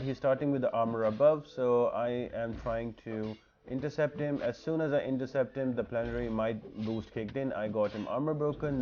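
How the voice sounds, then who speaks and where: A man hosts a gaming guide video, walking through a mobile game informally and explaining each step in an instructional way. His voice is medium-pitched, with the highs cut off and a noisy background.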